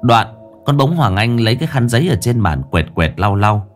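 A man narrating a ghost story in an expressive storytelling manner. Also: medium pitch, brisk, soft background music.

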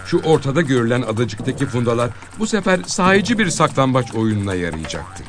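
A man reading a short story aloud in an expressive, dramatic storytelling manner. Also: mid-range voice, a little fast, over music. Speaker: narrator.

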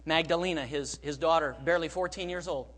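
Middle-aged male preacher, raised pitch, dynamic sermon delivery from soft to forceful. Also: brisk. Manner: swings from soft, hushed phrases to loud emphatic bursts. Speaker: pastor.

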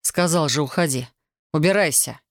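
An ardent young soldier, read by a woman, who presses hard and broods, his voice pitched somewhat low. The recording is dry and close, with no room sound. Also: normal speed, no room sound. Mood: cold. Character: young man, ardent soldier, intense and bitter.

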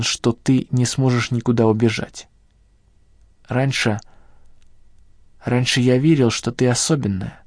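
A man reading an audiobook and voicing an obsessive male kidnapper with a high, sharp voice and pathetic, self-righteous outbursts. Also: dry recording, studio quality, natural voice. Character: obsessive unhinged male kidnapper, shrill and hysterical.

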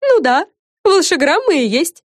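Woman doing a bossy excitable fairy girl, high and loud, emphatic, lively, storybook. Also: unhurried, dry recording, studio quality, exaggerated voice.

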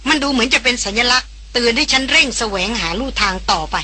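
A woman doing a breathless, high young woman. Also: animated, fast, bright, forceful tone, slightly rough, exaggerated voice. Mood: insistent. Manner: breathless, insistent. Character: young woman chemist, excited and urgent.

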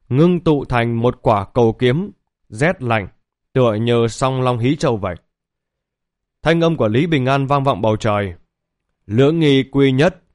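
A man's voice: medium pitch, no echo, clean studio sound. Man narrating a fantasy audiobook. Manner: steady, even storytelling read.

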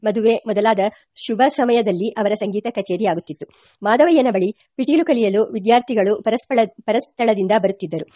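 A woman reading a memoir aloud as an audiobook narrator, steady, with occasional slips and self-corrections. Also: fairly high pitch, dry recording, clean studio sound.

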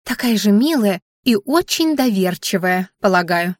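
A woman's voice: mid-range voice, expressive, unhurried, no room sound, studio quality. A woman voicing a small furry hoofed female creature who is a fussy, weepy governess, scolding and doting with sweet pet names, in a storybook reading.

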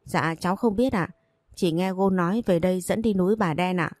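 A woman's voice: lowish voice, a little fast, a little mellow, no room sound, studio quality, faint music behind, natural voice. A woman reading the lines of a playful, somewhat childish young woman, in a plain audiobook reading voice. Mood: playful, polite. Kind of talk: audiobook narration.

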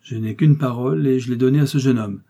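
A man's voice: mid-range voice, fast talker, dark tone, lightly acted. A man voicing a mercenary ship captain who speaks in a curt, businesslike way.

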